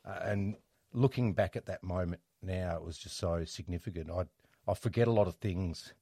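Deep-voiced man telling a personal story. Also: mellow, breathy edge, no echo, studio quality. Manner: reflective, halting, with frequent restarts. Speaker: interview guest.

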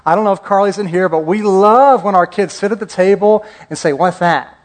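A man's voice: high-pitched, fairly quick. A male pastor preaching a conversational sermon, joking and asking the congregation questions.

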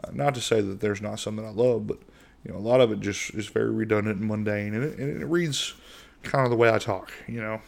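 A middle-aged American man hosts a casual solo podcast, rambling in a monotone with plenty of fillers and restarts. His voice sits on the low side and sounds creaky, and he talks at a quick pace with hardly any pauses.

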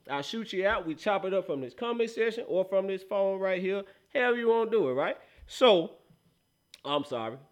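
A man hosts a casual sports talk show in a high, bright voice. His talk is slangy and full of hype, addressed straight to the audience. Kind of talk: casual show opening and promos.

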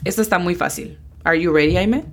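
Woman, deep voice, patient lesson host who breaks pronunciation down slowly. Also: gravelly. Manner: patient, explains step by step, slows down to spell out sounds. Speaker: English teacher hosting a lesson podcast. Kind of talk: bilingual language lesson.

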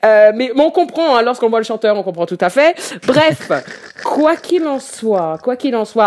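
A woman presenting a music column on the radio in casual chat, hesitant with many fillers and restarts, often laughing as she talks. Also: mid-range voice. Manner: laughs easily while talking. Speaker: radio columnist presenting new German rock.

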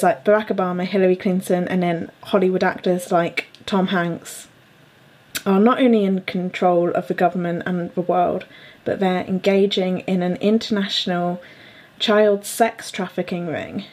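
A woman's voice: on the low side, steady tone, moderate pace, a little mellow. A young adult woman hosting a podcast, chatting casually with plenty of fillers and frequent laughter. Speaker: podcast host.

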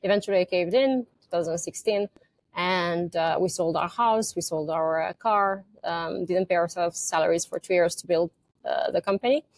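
A woman's voice: lowish voice, moderate pace. A woman from Romania with a Romanian accent, a company co-founder speaking as an interview guest in a thoughtful, hesitant way, with many fillers and restarts. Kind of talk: conversational interview.

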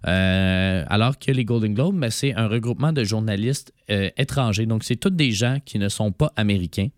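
A man with a Quebec French accent and a hoarse, raspy smoker's voice from laryngitis, co-hosting an informal, hesitant cinema chat. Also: lowish voice, normal speed, no echo, clean studio sound. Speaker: radio show co-host. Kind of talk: casual chat about cinema.

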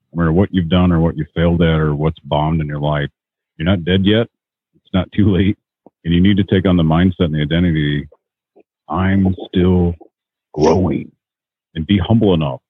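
Deep, husky man on a call. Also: no room sound. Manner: earnest, exhorting. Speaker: podcast host. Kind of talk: motivational podcast talk. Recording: tinny phone-like call audio.

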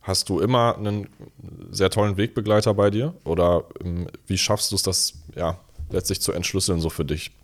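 A man with a very low voice asks questions in a conversation. He hesitates and rephrases as he goes, working his way toward the point. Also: steady tone, normal speed. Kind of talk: interview questions.

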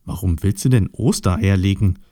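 A man voicing a small, weepy Easter bunny in a storybook, with a squeaky, sobbing and excitable manner. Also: moderate pace, no room sound, studio quality, lightly acted. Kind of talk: storybook voice acting.

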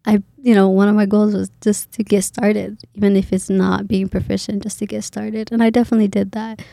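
Young woman interviewee, gravelly mellow voice, level pitch, hesitant with fillers, dry close sound. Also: little pitch movement, brisk, dry recording. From Kenya. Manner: hesitant, many fillers and restarts. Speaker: guest, graduate student. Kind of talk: casual interview.

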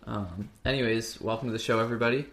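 A man's voice: medium pitch, fast, a bit bright. A young man co-hosting a podcast, chatting casually and rambling a bit. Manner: rambling, fake-ad delivery at times. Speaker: podcast co-host. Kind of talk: casual chat.

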